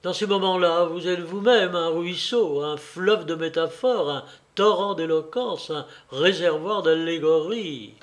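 A man voicing a jovial young gentleman who teases and mocks his friend, in an audiobook reading. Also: fairly high pitch, a little slow, few pauses, close to an everyday voice. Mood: teasing. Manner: mocking, playful.

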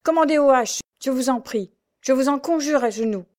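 A woman reading aloud as an old male quartermaster, a rough sailor who shouts urgently. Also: sits high, moderate pace, pitched above the performer's own voice, natural voice. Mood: pleading.

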